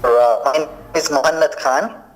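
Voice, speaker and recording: A man's voice: on the high side, steady tone, moderate pace, poor audio. Hesitant young man on a call. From Pakistan. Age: young adult. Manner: hesitant, many uh fillers. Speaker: student, guest. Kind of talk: casual interview answers.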